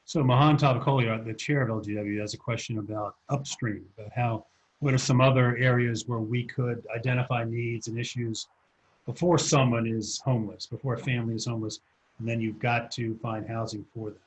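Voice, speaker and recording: A man's voice: mid-range voice, steady tone, fairly quick, poor audio. A man hosting a video-call interview, asking earnest, sympathetic questions. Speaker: interview host.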